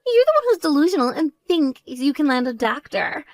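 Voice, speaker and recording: A woman's voice: sits high, sing-song, a little fast, no room sound. Woman voicing a vain, taunting younger sister. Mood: indignant. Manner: boastful, taunting, indignant. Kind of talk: voiced text story dialogue.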